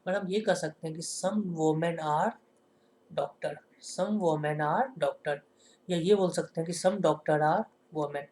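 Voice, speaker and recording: This male teacher's pitch is fairly high and his tone somewhat dark. He keeps asking himself rhetorical questions, supplies the answers, and slows down to stress each example sentence, much like a classroom lecture.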